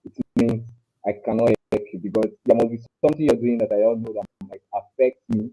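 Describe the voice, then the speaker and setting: A man's voice: medium pitch, fairly even intonation, warm tone, soft background music. A young man from Africa talking earnestly on a remote panel through a headset mic, his audio fuzzy with clipping distortion. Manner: earnest, halting, repeats his words. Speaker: panel guest. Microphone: headset mic on a call.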